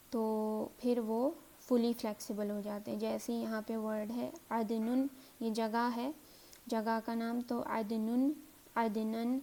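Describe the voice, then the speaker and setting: A woman teaching a grammar lesson as a recap, saying example words slowly three times over. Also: fairly high pitch, dark tone.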